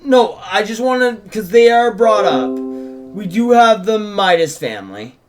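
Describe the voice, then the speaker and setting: Over music, a high, animated male voice keeps a measured pace. He is a writer and co-host introducing a script read in a casual, unscripted discussion, cutting in and starting sentences over as he presses his points.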